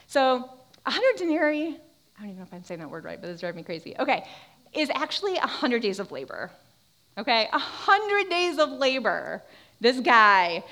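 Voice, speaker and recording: A young woman teaching a Bible lesson in a casual, conversational way, acting out the reactions of people in the story. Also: fairly high pitch. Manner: animated, conversational, acts out quoted reactions.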